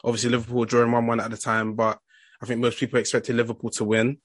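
A man's voice: mid-range voice, completely flat delivery, quick pace, dry recording, clean studio sound. A young man with an urban London roadman accent hosting a football podcast in casual, slangy chat. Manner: slangy street talk.

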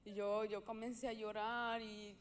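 A woman giving a personal faith testimony in an earnest, halting way, often restarting her sentences. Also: medium pitch, flat delivery.

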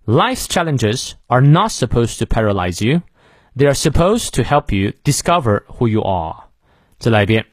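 Male English teacher, expressive pitch, dry booth sound, explains and models pronunciation. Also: no room sound. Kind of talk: daily English lesson.

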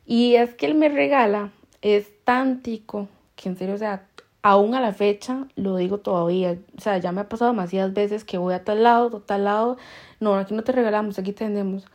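Casting: Costa Rican woman, chatty podcast host, mellow gravelly voice, quick to laugh. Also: medium pitch. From Costa Rica. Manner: chatty, laughs often, heavy slang. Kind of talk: casual storytelling chat.

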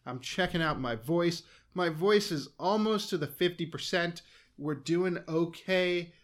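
A man co-hosting a casual podcast, playful and joking with excitable bursts. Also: fairly high pitch, a little slow. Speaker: podcast co-host.

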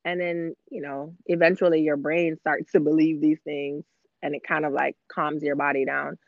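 A woman's voice: deep voice, level tone, moderate pace, no echo, narrow, tinny audio. A woman in her thirties, a podcast guest, telling her story openly in casual chat. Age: 30s. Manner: candid, open storytelling.

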